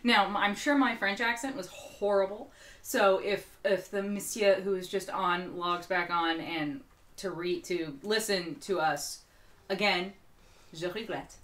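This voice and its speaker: A woman co-hosting a casual talk show, chatty and quick to laugh, her throat a little strained. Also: mid-range voice. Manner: chatty, laughs often, animated bursts. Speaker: podcast co-host. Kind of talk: casual chat.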